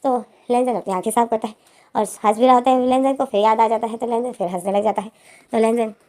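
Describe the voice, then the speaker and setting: A woman's voice: a little high, fairly even intonation, quick pace, dark tone. A young woman casually retelling a romance story, stringing clauses together over and over.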